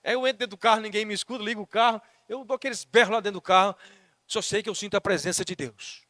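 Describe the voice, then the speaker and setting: A man with a Brazilian Portuguese accent preaching a sermon as pastor, fervent and swinging between soft talk and shouting. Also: sits high, steady tone, fast talker, no room sound.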